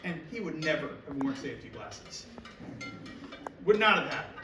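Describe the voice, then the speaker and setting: A man lecturing on chemistry and rambling through a story in a loose, casual way. His voice sits a bit high for a man and echoes around a big hall. He sounds distant from the mic, with steady noise underneath. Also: moderate pace, over music.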